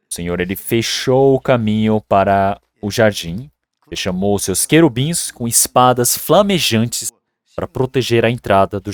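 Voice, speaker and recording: A man's voice: fairly low pitch, no echo. A male pastor preaching a sermon in a church and retelling a story with acted voices.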